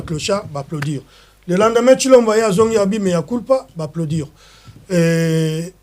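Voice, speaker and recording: In a heated political interview, a Congolese guest from the DRC speaks French with a Congolese accent in a high, slightly mellow voice. Impassioned, he repeats words and restarts sentences as he presses his point, mixing in Lingala phrases.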